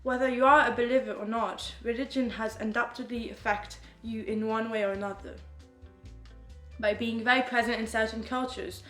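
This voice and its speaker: A French woman hosts a podcast, reading a bright scripted welcome before chatting casually with guests and asking questions sprinkled with many "like"s. Her voice is fairly high with fairly even intonation at a moderate pace, in an echoey room with faint music behind.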